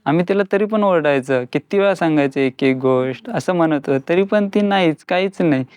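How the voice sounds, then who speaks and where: A man's voice: fairly high pitch, fairly quick, darkish tone, clear, resonant tone, no room sound. A young man recounting family memories in a plain, matter-of-fact way as an interviewee. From Khanapur, Belgaum, India.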